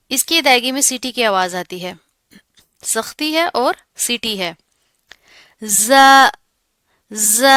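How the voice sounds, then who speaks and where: Bright, crisp woman teaching letter sounds. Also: fairly high pitch, no room sound, clean studio sound. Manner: explains, then pronounces each letter slowly and drawn out. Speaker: Quran recitation teacher. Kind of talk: pronunciation lesson.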